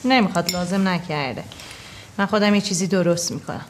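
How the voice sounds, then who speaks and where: An actress playing a woman doctor with quick, teasing retorts. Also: on the low side, slight background noise, close to an everyday voice. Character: sharp-tongued woman doctor, caring daughter.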